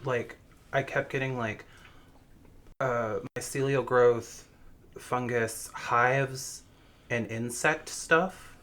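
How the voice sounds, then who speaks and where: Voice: medium pitch, fairly even intonation, drawn-out words, long pauses, a bit bright. A participant in a group session casually describing impressions, searching for words and often saying "like". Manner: hesitant, searching for words, frequent "like". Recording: noisy room with ambience.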